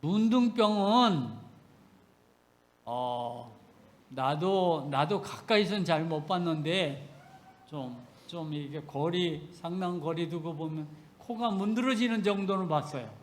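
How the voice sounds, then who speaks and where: A man preaching a Sunday sermon with a high-set voice for a man. He talks emphatically, pushing hard on key words, then dropping into quiet asides to the congregation. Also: expressive, slow. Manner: emphatic, swings between loud rebukes and soft asides. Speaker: pastor.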